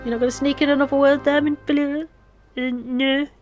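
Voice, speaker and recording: Female gaming host, highish voice, sarcastic and playful offhand commentary. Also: flat delivery, normal speed, faint music behind. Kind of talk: casual let's play commentary.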